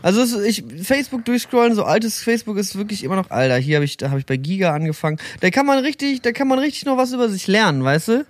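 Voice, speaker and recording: A man's voice: sits high, fast talker, hardly any pauses, no room sound. A man in his thirties co-hosting a podcast, chatting casually with swearing and slang. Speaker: podcast co-host.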